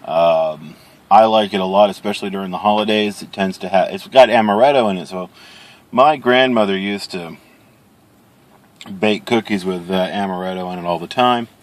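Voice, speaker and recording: A man chatting casually as he reviews products on video, rambling along in an unhurried way with pauses. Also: sits low. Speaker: pipe-smoking video reviewer.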